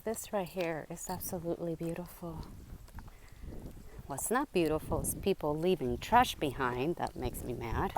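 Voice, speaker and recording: Chatty woman hiker, noisy outdoor recording. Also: low voice. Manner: chatty, thinking aloud. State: out of breath while hiking uphill. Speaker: long-distance hiker. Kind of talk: casual trail vlog. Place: outdoors on a forest trail.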